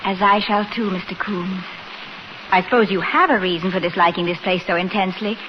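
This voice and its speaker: An actress playing a genteel, determined young widow in a vintage radio drama. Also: female voice, medium pitch, steady tone, brisk, lightly acted. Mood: delighted, curious. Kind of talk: 1940s radio acting. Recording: muffled, noisy old radio recording.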